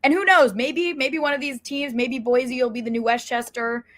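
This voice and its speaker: Thoughtful and casual, a female podcast co-host breaks down sports, often revising her words partway through a sentence. Her high, fairly bright voice stays fairly even in intonation at a moderate pace.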